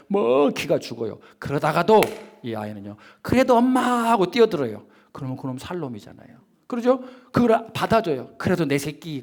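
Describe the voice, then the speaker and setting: A man preaching a sermon as pastor, who swings from loud emphatic peaks to hushed whispered asides, asks the congregation rhetorical questions and acts out quoted voices. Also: a little high.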